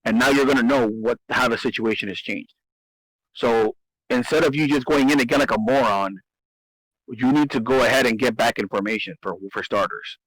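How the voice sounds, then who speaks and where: A man walks through game tactics in a relaxed podcast chat, stumbling over and repeating words as he presses his points. His voice sits at a middle pitch. The sound is close and dry with no room around it. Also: normal speed, breathy edge, dry recording, rough recording. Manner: explanatory, repeats himself, emphatic. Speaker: host. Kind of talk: casual gaming strategy discussion.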